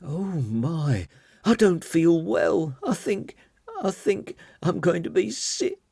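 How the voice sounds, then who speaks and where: A woman's voice: on the low side, animated, slow pace, creaky, warm tone, slightly rough, dry recording, clean studio sound, voice pushed up, exaggerated voice. A man reading an audiobook, voicing a prim woman who is sick and whimpering weakly. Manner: weak, heart-rending whimper.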